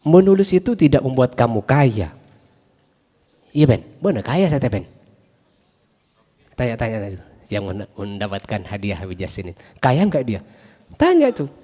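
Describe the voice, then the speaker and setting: A man's voice: medium pitch, very animated, normal speed, long pauses, mellow. A man giving a lecture-style talk at a literature discussion, emphatic and rhetorical, often repeating short phrases for effect. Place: campus hall. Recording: long hall reverb.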